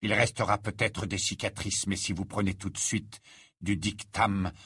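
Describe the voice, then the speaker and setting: Audiobook teacher, man reading: low, slow, curt, husky. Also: steady tone, fairly bright tone, dry recording. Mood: cold. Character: stern, cold male teacher, older.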